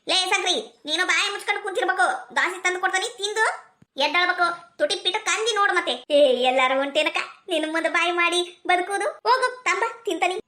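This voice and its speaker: A woman's voice: very high voice, quick pace, sharp tone. A woman with a North Karnataka accent playing a cheeky, quarrelsome village wife in a comedy sketch. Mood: bickering. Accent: North Karnataka Kannada. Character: sharp-tongued village wife.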